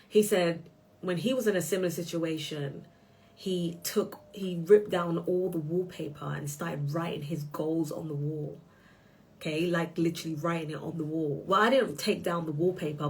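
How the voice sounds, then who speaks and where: Emphatic woman coaching live. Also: fairly low pitch. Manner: emphatic, keeps checking in with "okay?". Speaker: life coach. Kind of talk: live online masterclass.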